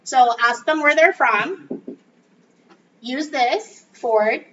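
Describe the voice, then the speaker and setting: A woman's voice: high-pitched, expressive, extremely slow, a bit bright. A woman trainer giving an upbeat, casual coaching talk to a group in a meeting room. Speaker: real estate trainer. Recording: distant, dull mic with faint noise.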